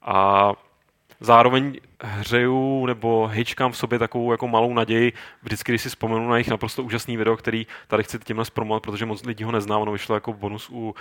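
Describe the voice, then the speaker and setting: A man chatting on a gaming podcast, rambling through restarts and getting animated when he makes a point. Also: fairly low pitch, no room sound, clean studio sound. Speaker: podcast co-host. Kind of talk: casual chat about games.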